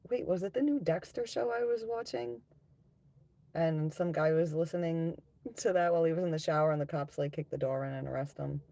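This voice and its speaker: A man with a gravelly, smoker-like voice hosting a casual live stream, talking bluntly to viewers and swearing freely. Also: on the high side, a little fast, mellow, no echo. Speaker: live stream host and tarot reader.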